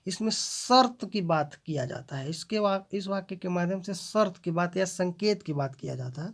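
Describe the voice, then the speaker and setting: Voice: medium pitch, lively intonation, moderate pace, vocal fry. A language teacher in a video lesson who reads each example sentence aloud, then translates and explains it, often addressing viewers as friends.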